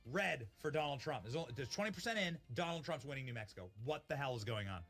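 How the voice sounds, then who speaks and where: A man hosting a live election-night stream from a studio, giving excited commentary and shouting gleefully at the results map. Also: medium pitch, fast talker, faint music behind.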